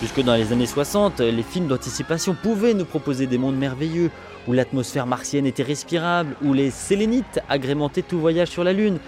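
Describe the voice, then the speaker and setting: A man's voice: on the high side, fairly quick, darkish tone, soft background music. A man giving scripted film-essay narration in a didactic, wryly humorous way.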